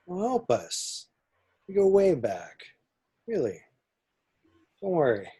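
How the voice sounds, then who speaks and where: A man playing a cocky, evasive starship pirate with a husky voice and offhand, clipped lines in a script read. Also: on the high side, wildly swooping pitch, slow pace, dark tone, heavily acted. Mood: reassuring, wary. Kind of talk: dramatic table read of a film script.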